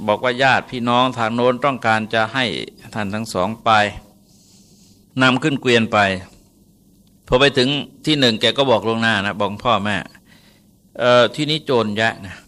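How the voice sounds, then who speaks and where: Male monk, storytelling sermon, bright forward tone, easygoing and hesitant. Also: medium pitch, smooth. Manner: relaxed, conversational, polite particles, frequent hesitations. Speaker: Buddhist monk.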